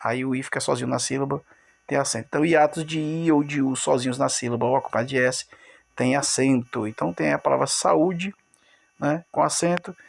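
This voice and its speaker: A man's voice: medium pitch, fairly even intonation, brisk, vocal fry. A man teaching a recorded video lesson, explaining step by step, repeating key words and addressing his students directly.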